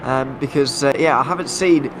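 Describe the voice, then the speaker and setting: A man's voice: mid-range voice, moderate pace, noisy background. A man with an English Midlands accent giving live commentary on a racing event. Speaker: motorsport commentator.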